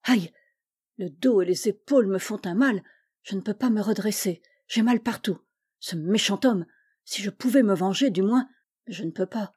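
A woman voicing a proud, disdainful young noble girl in a storybook reading, speaking in a sharp, petulant manner. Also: mid-range voice, moderate pace, slightly rough, lightly acted. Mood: resentful.

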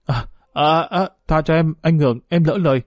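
A nervous, cowardly fixer stammers and pleads, as a male narrator plays him. The tone is mellow and close, with a dry sound. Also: mid-range voice, quick pace, dry recording, close to an everyday voice.

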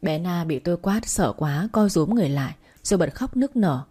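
A woman narrating a first-person story in a steady reading voice. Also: on the low side, moderate pace, slightly rough.

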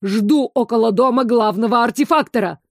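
A woman voicing a gruff male boss yelling orders over a phone in an audiobook. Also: on the high side, normal speed, no echo, clean studio sound. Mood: angry yelling. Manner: shouting, barking orders.

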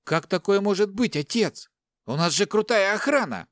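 A man voicing a panicking young man held captive, talking high and agitated. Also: expressive, normal speed, dry recording, studio quality. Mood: panicked. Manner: high-pitched, shouting, agitated.

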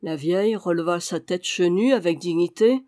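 A reader narrating a historical adventure novel in a measured way. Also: medium pitch, mellow. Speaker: audiobook reader. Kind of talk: scripted narration.

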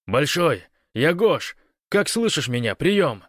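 Guy doing a desperate dude yelling orders on the radio, loud and commanding, dry sound. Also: on the high side, big pitch swings, slow, dry recording, pitched above the performer's own voice. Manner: shouting, commanding.

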